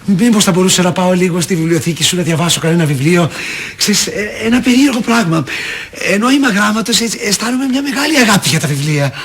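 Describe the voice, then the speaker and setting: An actor playing a naive, unschooled middle-aged husband with amnesia in a TV sitcom, who stammers when flustered. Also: male voice, high voice, expressive, a bit bright. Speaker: sitcom character. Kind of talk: TV sitcom acting.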